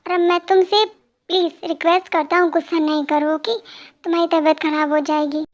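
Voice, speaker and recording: A woman's voice: very high-pitched, little pitch movement, brisk, muffled recording. A woman voicing a playful, apologetic young husband who is a police officer, in an amateur fan dub. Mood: coaxing. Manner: coaxing, playful pleading.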